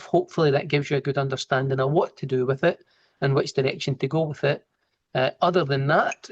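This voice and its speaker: A software trainer with a broad Glasgow accent and a fairly high voice gives a relaxed, informal live lesson over a video call, talking through each step as he works and answering questions.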